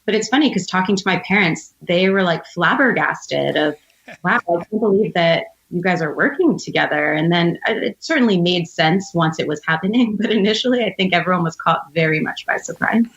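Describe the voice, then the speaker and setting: An American woman in her thirties from outside Philadelphia, an entrepreneur appearing as a podcast guest, shares personal stories in an articulate, reflective, conversational way. Her voice sits lowish and she talks briskly. The recording sounds muffled.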